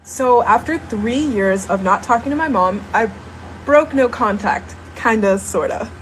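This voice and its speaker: A young woman speaking to camera in a personal video, halting and hesitant, with many ums and restarts. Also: a little high, lively intonation, a little hiss or hum. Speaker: social media video poster.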